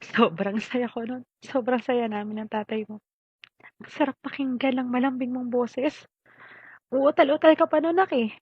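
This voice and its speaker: Mother reads a letter to her kid, soft and pleading, husky voice, kinda dull lo-fi audio. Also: a little high, moderate pace, dry recording. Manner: tender, pleading, with rhetorical questions. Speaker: mother addressing her child. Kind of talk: heartfelt spoken letter.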